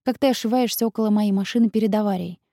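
A woman's voice: mid-range voice, fast talker, mellow, no echo, studio quality, close to an everyday voice. A woman reading an audiobook, voicing a stubborn young man who threatens his rival. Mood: threatening. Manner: cold, threatening.

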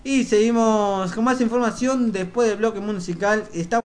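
High-voiced Argentine radio host, halting. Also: male voice. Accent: Argentine Spanish. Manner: halting, repeats and corrects himself with many fillers. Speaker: local radio sports show host. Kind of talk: casual community radio announcements.

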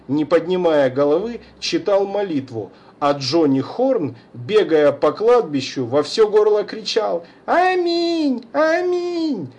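Slow, measured male audiobook narrator. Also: fairly high pitch, darkish tone, slightly rough. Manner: measured unhurried reading. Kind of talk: scripted narration.

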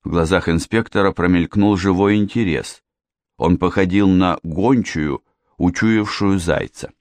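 A man reading a detective audiobook in a measured, even way. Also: sits low, no echo. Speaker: audiobook narrator. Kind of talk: scripted audiobook narration.

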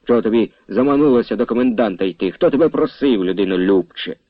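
A man voicing an angry, scornful village man who speaks with quiet threat. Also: on the low side, quick pace, no room sound, muffled recording, lightly acted.

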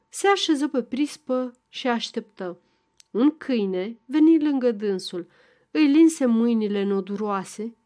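A woman reading a classic novel aloud as a volunteer audiobook narrator, in a measured, even storytelling manner. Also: a little high.

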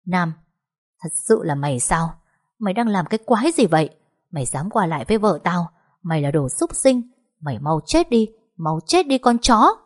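A woman voicing a hot-tempered young husband, shouting in rage. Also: lowish voice, fairly quick, lightly acted. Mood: furious. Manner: shouting, raging.

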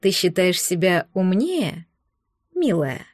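A woman voicing a smug, cruel male sorcerer in an audiobook, speaking in a honeyed, sneering, deliberate way. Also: medium pitch, big pitch swings, no echo, clean studio sound. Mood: menacing. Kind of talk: audiobook character voice.

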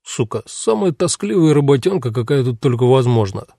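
A man's voice: mid-range voice, animated, normal speed, no room sound, clean studio sound. A man voicing a bored male guard who jeers and calls out to his partner. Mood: taunting. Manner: jeering, calls out loudly.

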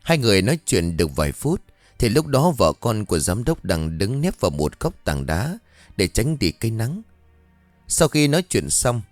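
A man's voice: lowish voice, no echo. A man narrating a horror story in a dramatic storytelling manner, recorded close to the mic.

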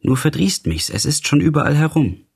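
Honest male friend in a storybook, quiet and concerned, a touch higher with a husky edge, as the reader puts him on. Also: sing-song, brisk, full character voice. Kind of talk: literary audiobook reading.

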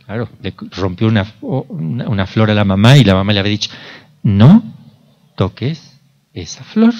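Un sacerdote de Argentina que da una plática informal, le hace preguntas al público y recrea diálogos. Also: male voice, on the low side, animated, quick pace, dull audio. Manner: conversational, asks the audience questions, acts out dialogues. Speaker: priest. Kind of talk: informal sermon talk.

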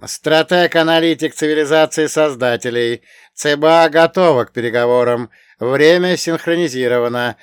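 Metallic female crystal AI, done by a man, even and formal, loud, pitched up, dry sound. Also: clear, resonant tone, dry recording, lightly acted. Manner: formal, measured announcements.

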